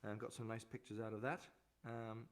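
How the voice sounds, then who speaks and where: A man chatting casually on a live music stream from home, rattling off news softly and fast with plenty of ums and uhs. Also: on the low side, flat delivery. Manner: rapid, soft-spoken rambling with many fillers. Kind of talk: casual chat between songs. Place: home room, streaming online.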